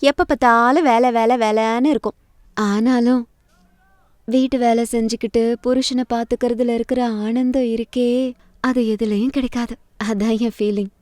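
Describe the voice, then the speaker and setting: A woman's voice: on the high side, fairly even intonation, normal speed, a little mellow, no room sound, clean studio sound, lightly acted. An actress playing a young woman who chats lightly and dodges questions, in a drama with music underneath. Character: young woman Renu, sneaking out. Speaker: lead actress. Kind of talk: web series acting.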